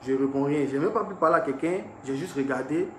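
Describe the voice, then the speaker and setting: Young man, storytelling, fairly high voice, echoey room, faint background noise. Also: quick pace. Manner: animated retelling, swings from hushed to raised. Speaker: artist recounting an incident. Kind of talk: storytelling to viewers.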